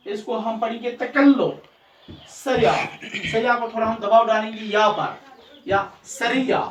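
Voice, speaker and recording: Male teacher drilling pronunciation, roomy echo. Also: sits high. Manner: slow, repetitive, drills correct pronunciation of each word. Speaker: Urdu teacher. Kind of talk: recorded pronunciation lesson. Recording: distant mic in a roomy space, faint ambient noise.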